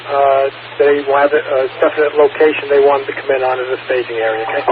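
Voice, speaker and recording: A man's voice: medium pitch, flat delivery, quick pace. A man working as a fire dispatcher, reading out times and codes procedurally over two-way radio. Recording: tinny, noisy fire dispatch radio channel.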